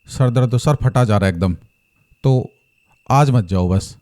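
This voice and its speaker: A frightened young wife, feverish and pleading in an anxious voice, as a man retells her words. The voice stays dark and mellow, close to the man's own everyday speech. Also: medium pitch, unhurried, lightly acted.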